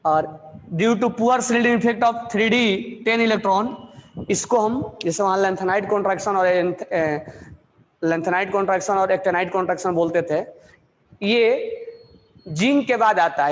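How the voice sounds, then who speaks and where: Man, high voice, chemistry lecture, repeats phrases slowly, classroom. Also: in a large hall, dull audio. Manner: asks questions and answers them himself, repeats key phrases slowly. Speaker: chemistry teacher. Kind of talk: classroom lecture in Hindi mixed with English.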